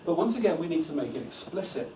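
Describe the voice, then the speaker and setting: A man training teaching assistants in a school room. He gives steady instructions and stretches words out syllable by syllable. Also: fairly high pitch, fast. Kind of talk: training workshop talk. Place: school room with a live audience. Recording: echoey room from far off, noisy.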